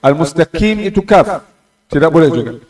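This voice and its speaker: A man teaching Quran pronunciation, explaining calmly and drawing out syllables again and again to demonstrate them. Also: on the high side. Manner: slow and patient, repeating letters and syllables to demonstrate pronunciation. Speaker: tajwid teacher. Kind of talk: Quran recitation lesson. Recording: roomy echo, distant mic.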